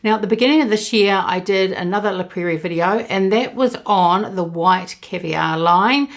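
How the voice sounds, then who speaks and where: A woman's voice: medium pitch, normal speed. A woman in her fifties, a beauty vlogger giving a chatty, enthusiastic skincare talk to camera. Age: 50s. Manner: chatty and enthusiastic, explains step by step.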